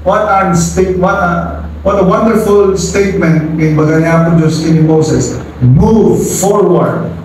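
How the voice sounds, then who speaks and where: A man's voice: fairly high pitch, level tone, unhurried, slight background noise. A man preaching a sermon as pastor, dramatic and switching into English, who acts out quotes in a raised voice. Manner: mixes English into local speech. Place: church service. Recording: echoey hall, mic from far off.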